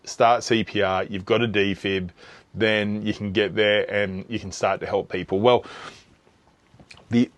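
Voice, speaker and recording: A man's voice: fairly low pitch, no room sound. A man talking casually to camera as a travel vlogger, chatty and rambling with fillers and restarts, outdoors at tourist spots and later indoors. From Australia. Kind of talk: casual travel vlog chat.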